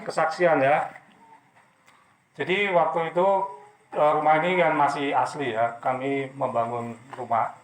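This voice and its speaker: A man's voice: fairly high pitch, steady tone, measured pace, long pauses. A man preaching and telling a personal testimony in a loose, repetitive way. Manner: loose, repetitive talk with many fillers. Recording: echoey room.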